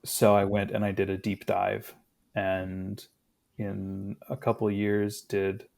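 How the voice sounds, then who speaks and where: Low, gravelly-voiced man talking reflectively. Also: completely flat delivery, a little mellow. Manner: reflective, unhurried, with fillers. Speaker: guest. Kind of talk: casual conversation.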